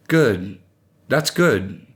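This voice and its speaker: Hurt, shaken husband, voiced by a man for an audiobook, flat and distracted, lowish tone. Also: drawn-out words. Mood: dazed. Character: injured dazed husband, calm and quiet.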